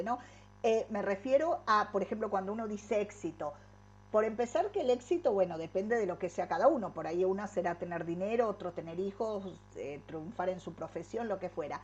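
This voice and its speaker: A woman's voice: fairly high pitch, a little mellow, lo-fi sound. A middle-aged woman gives an inspirational talk and keeps checking in with rhetorical tag questions. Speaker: workshop speaker.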